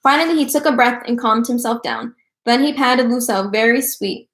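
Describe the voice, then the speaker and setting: A woman reading a children's book aloud for a book club, telling the story in a lively way. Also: a little high, fairly quick, a little hiss or hum. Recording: roomy echo.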